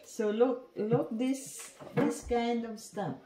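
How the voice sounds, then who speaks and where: Chatting casually in broken English, a woman unboxes perfume for her vlog in the dining room at home; Tagalog is her first language. She speaks slowly in a fairly high, steady voice, with background noise in the echoey room.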